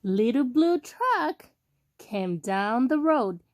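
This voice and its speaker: Slow sing-song storybook reader, woman. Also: a little high, big pitch swings, no room sound, clean studio sound. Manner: slow, sing-song, talks directly to a child. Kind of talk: children's read-aloud.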